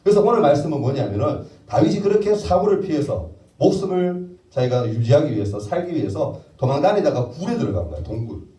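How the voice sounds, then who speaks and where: A man preaches to a youth congregation with a lively, swinging delivery and a warm, dark tone. He keeps firing questions at his listeners and answering them himself. His voice comes from some way off and rings through a roomy church. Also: a little high, brisk, hardly any pauses. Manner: lively, acts out prayers in character. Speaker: youth pastor. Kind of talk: sermon to teenagers. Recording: roomy echo, voice heard from a distance.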